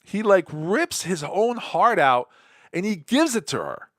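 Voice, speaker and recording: A man hosting a solo podcast, casually recapping an episode and acting out the characters' lines in quick quoted bits. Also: high voice, very animated, a bit bright, no echo, studio quality. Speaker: podcast host.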